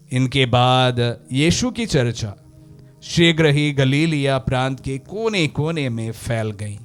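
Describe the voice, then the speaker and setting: Slow, smooth-voiced priest preaching. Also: male voice, a little high. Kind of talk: gospel reading and homily at Mass. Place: church.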